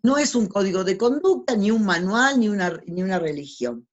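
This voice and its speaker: A woman's voice: mid-range voice, lively intonation, moderate pace, highs cut off. A woman gives a lecture with slides as a spiritual teacher. She teaches didactically, asks rhetorical questions and answers them herself, and often adds tag questions.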